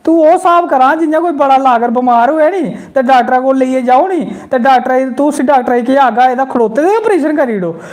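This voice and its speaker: A man's voice: extremely high pitch, a little fast, hardly any pauses. A man with a Dogri accent from Jammu, telling a comic story on a live stream and reading out viewer comments. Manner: animated storyteller, bursts into quoted voices. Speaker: comedy channel host.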